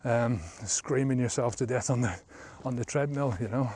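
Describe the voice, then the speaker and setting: A man's voice: medium pitch, moderate pace, darkish tone, husky. A man of about fifty, a sobriety coach, talking casually in a vlog while walking an outdoor trail, rambling with many fillers, filmed on a handheld camera at arm's length.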